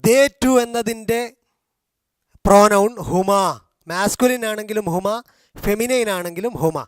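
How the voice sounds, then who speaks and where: Slow, high-voiced Malayali male teacher. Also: dry recording, studio quality. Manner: slow, drilling repetition of forms. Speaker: language teacher. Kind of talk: explaining grammar in a video class.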